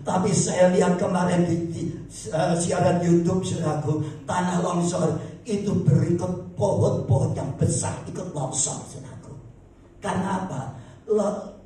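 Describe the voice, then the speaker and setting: High-voiced pastor preaching in an echoey hall. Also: male voice, steady tone, normal speed, far from the mic, faint music behind. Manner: dramatic preaching, repeats "saudaraku", acts out shouts. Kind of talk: sermon. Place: church hall.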